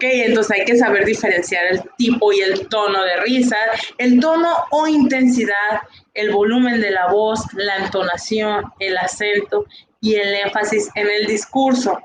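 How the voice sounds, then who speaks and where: Mexican teacher lecturing in an echoey room. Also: mid-range voice. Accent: Mexican Spanish. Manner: explanatory, frequent "bien" and "eh" fillers, rhetorical questions. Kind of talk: recorded online class lecture. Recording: echoey room, faint background noise.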